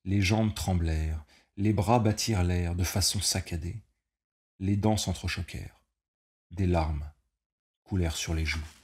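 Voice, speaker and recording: A man reading a novel aloud as narrator, in a slow, measured, dramatic delivery. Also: low voice, a little mellow. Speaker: audiobook reader. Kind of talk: scripted narration.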